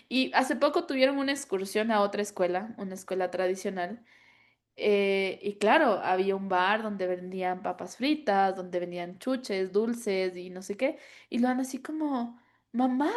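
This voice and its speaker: A woman, a mother chatting as a podcast guest, telling stories with many fillers and laughs. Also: medium pitch. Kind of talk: casual chat.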